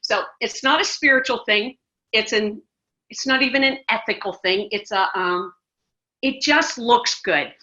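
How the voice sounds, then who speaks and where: Her voice runs on the high side, bright and forceful, and she never hurries. A middle-aged American who directs a ministry, she's a guest in a casual interview, speaking with emphasis and many restarts, all on a muffled, low-fidelity recording.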